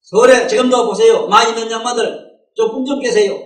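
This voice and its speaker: A man's voice: very high voice, steady tone, fast. A man with a Gyeongsang accent giving a Buddhist sermon in a folksy, rhetorical way, often prodding listeners with "eh?" questions. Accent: Gyeongsang Korean. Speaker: Buddhist dharma teacher. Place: dharma hall. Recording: echoey room, distant mic.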